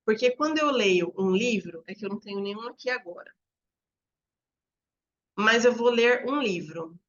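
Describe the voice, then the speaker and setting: Woman educator explaining to teachers, fairly high voice, slightly dull recording. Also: a bit bright. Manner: explanatory, demonstrates examples aloud.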